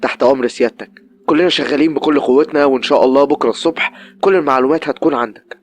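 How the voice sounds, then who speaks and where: A man voicing a quiet, deferential Egyptian police subordinate reporting by phone. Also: medium pitch, racing, slight background noise, pitched above the performer's own voice, close to an everyday voice.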